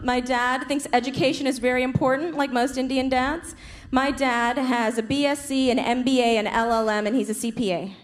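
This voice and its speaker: A high-voiced woman from the United States works a comedy club crowd with punchy timing, often slipping into her parents' voices. Laughter and chatter from the audience rise around her, on a live recording with steady background noise. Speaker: stand-up comedian. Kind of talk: stand-up comedy set.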